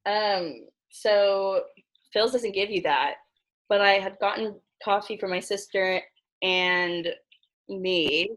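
A young woman hosting a casual podcast, chatty and giggly, with a gravelly vocal fry. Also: medium pitch, slow, fairly bright tone. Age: young adult. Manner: giggly, chatty with many fillers. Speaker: podcast host.

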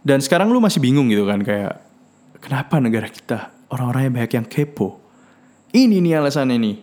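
A man's voice: mid-range voice, very animated, fairly quick, dark tone. A man hosts a casual solo podcast and rants bluntly, swearing freely. He mixes English words into his talk. He often repeats himself and restarts his sentences. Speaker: podcast host.

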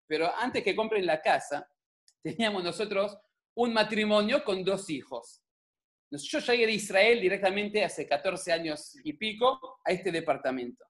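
A man's voice: high voice, moderate pace. A middle-aged man with an Argentine accent gives a religious talk at home, telling stories with jokes and asides to the audience. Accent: Argentine Spanish (Rioplatense). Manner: animated, jokey, many asides to the audience. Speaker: speaker giving a religious talk. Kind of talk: humorous storytelling talk. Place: at home, on camera.

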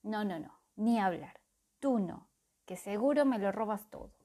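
A woman's voice: medium pitch, lively intonation, unhurried, dark tone. A woman voicing a whiny, greedy male raven in a storybook, moaning and sighing.

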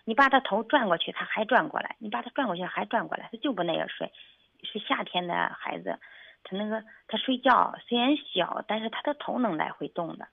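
Woman caller, hesitant and stammering, gravelly voice over a thin phone line. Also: medium pitch, animated, no echo. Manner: halting, hesitant, many restarts. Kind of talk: radio call-in, telling a personal problem. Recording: phone-line call on radio.

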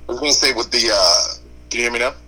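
A man on a remote call who sounds muffled and bass-heavy. He chats casually as a stand-up comic, rambling with many fillers. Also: very fast, pushed and bright. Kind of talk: casual chat.

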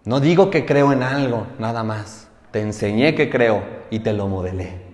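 A male pastor preaching a sermon, firing rhetorical questions with emphatic swells and hushed drops. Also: lowish voice, moderate pace. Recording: roomy hall with long reverb.

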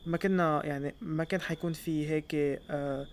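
A woman's voice: low-pitched, fairly even intonation, fairly quick, slight background noise. Young Lebanese female, casual conversational delivery, frequent Arabic-English mixing. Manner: mixes English words and phrases into Arabic. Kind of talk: casual discussion.

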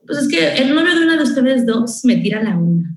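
A woman with a Mexican accent chatting as a guest, a lively storyteller who acts out other voices. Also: sits high, a little fast, echoey room. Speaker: radio host guest. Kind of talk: casual interview chat.

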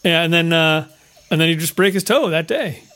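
A man's voice: on the high side, normal speed, bright, forceful tone. A man co-hosting a casual movie chat, joking and rambling, often repeating words as he thinks aloud. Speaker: podcast co-host.

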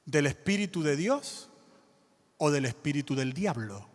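High, lively preaching man in a church. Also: a little slow. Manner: emphatic preaching with call-and-response to the congregation. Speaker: pastor. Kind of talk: sermon. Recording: reverberant church hall.

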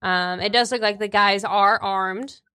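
A woman game master casually describing scenes in a tabletop game, halting as she thinks aloud. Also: mid-range voice, steady tone, pushed and bright, smooth, no room sound, clean studio sound.

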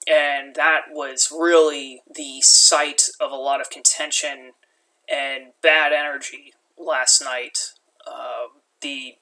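A man's voice: on the high side, level tone, slow pace, pushed and bright, poor audio. A young man giving angry, profane, unscripted commentary as an activist.

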